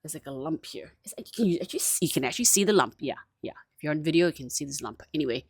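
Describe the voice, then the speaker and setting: A low-pitched woman chats to camera in a lively, self-mocking way, breaking into laughter often. Her voice sounds dry and close, with no room echo. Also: racing, husky. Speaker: vlogger. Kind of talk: casual chat to camera.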